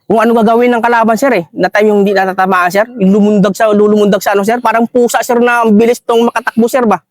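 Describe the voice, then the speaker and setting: A man recounts his combat story, stopping often to add a respectful sir. His voice sits high for a man. The sound is close and dry, with no room echo. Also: fairly even intonation. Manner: deferential, says sir constantly, halting with fillers. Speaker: retired soldier interviewee. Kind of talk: war story interview.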